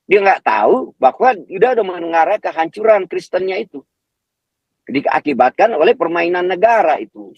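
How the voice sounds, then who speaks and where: A man's voice: high voice, gravelly, husky, no echo. A man arguing his point over an online call, his voice coming through half robotic and glitchy, with repeated fillers and restarted words. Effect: glitchy, half-robotic online call audio. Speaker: speaker in an online discussion. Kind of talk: impassioned talk. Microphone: video call. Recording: dull, lo-fi online call audio.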